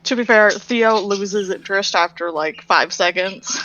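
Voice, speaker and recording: A woman's voice: mid-range voice, a little slow, a bit bright, a little hiss or hum. Woman, tabletop player, blunt, teasing, muffled lo-fi sound. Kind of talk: tabletop role-play banter. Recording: dull lo-fi audio.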